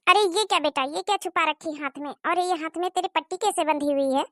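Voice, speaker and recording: A woman's voice: extremely high pitch, a little fast, a bit bright, no echo, studio quality. A woman voicing a scolding, stingy middle-aged mother-in-law who nags and complains. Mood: fussy. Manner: nagging, scolding.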